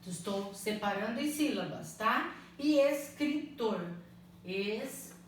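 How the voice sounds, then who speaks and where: A woman teaching a primary school language lesson, spelling out words slowly and patiently, often checking that the children follow. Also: on the high side, lively intonation. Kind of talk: slow, clearly spelled-out online lesson. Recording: echoey room, mic at a distance, faint noise.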